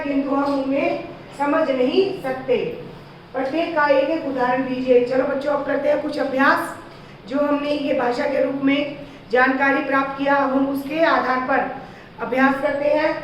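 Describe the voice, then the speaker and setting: A woman teacher giving a slow, patient grammar lesson to young children, asking them questions as she explains. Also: high voice, a little hiss or hum. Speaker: school teacher. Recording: echoey, distant, dull lo-fi sound.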